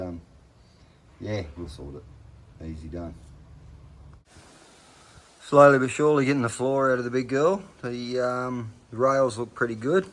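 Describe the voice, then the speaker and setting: Low-voiced man, broad Australian accent. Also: slight background noise. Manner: laconic, slangy, understated. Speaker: hobby car restorer presenting progress videos. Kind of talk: casual workshop vlog, off-the-cuff commentary.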